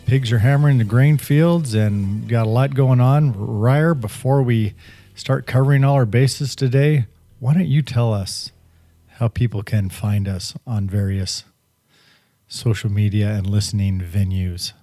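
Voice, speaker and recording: A middle-aged man hosts a laid-back podcast. He rambles and jokes along, often stopping on filler sounds. His voice is dry and close, with soft music faintly underneath. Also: medium pitch, unhurried, no echo. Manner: joking, rambling with many fillers. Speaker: podcast host. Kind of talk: casual podcast banter.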